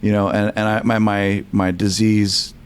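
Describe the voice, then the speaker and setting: A man's voice: lowish voice, little pitch movement, a little slow, clear, resonant tone. A young man, a podcast guest from California, telling his story candidly with many restarts and fillers.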